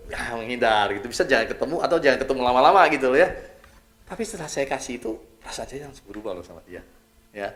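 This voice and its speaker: This middle-aged Indonesian pastor preaches in a mid-range voice with a casual, talkative style. Lively throughout, he keeps tagging a brisk "ya" onto his phrases.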